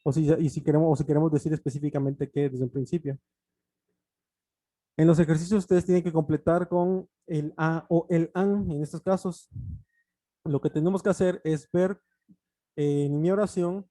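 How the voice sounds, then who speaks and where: A man's voice: fairly high pitch, warm tone, dry recording. A man teaching an online English grammar lesson, explaining patiently with frequent fillers and restarts.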